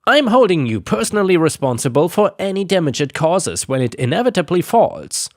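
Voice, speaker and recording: A bossy older woman who runs the homeowners association speaks in an indignant, lecturing tone, as a male narrator puts her on. Her pitch rises and falls in lively swings. The sound is close and dry. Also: brisk, no echo. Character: spiteful older woman HOA president, self-important bully.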